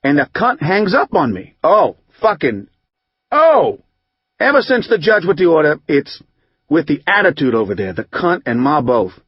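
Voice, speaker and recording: A man reading an audiobook, voicing a rough, hot-tempered recovering drinker who rambles in profane street slang. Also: a little high, big pitch swings, moderate pace, no room sound, muffled recording. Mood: aggrieved. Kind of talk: audiobook narration.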